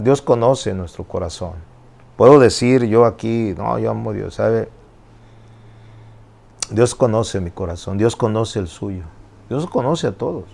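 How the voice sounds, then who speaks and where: A man's voice: on the low side, creaky, a little mellow. An older man delivers a sermon as a pastor. He drives his points home with repeated questions and climbing, emphatic phrases. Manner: preaching with rising, emphatic repetitions.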